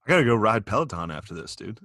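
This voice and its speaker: Low-voiced man, profane rambling podcast host. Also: very animated, fast talker, a bit bright, no echo, clean studio sound. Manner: profane, rambling storytelling, laughs often. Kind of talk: casual chat.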